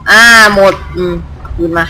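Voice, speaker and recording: A man giving live commentary over his gameplay, excitable and repeating words in bursts. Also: a little slow, a little hiss or hum. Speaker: gamer. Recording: game gunfire loud behind voice.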